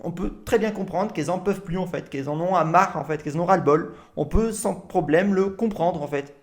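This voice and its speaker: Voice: medium pitch, a little fast. A host reacting to a video clip, talking back at it indignantly, repeating points and swearing. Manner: repetitive, indignant, swears a lot.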